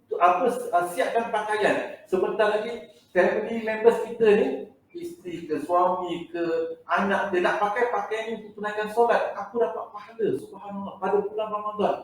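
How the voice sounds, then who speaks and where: A man with a Malaysian Malay accent giving a lively, humorous mosque lecture, reciting Arabic texts slowly and explaining them. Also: sits high. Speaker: religious lecturer. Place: mosque hall. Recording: very echoey hall, mic at a distance.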